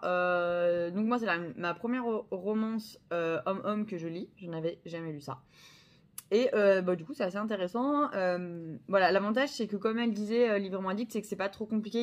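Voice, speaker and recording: A young French woman chatting casually about her books, hesitant, with many fillers and self-corrections. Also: on the low side. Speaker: book vlogger. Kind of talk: casual chat.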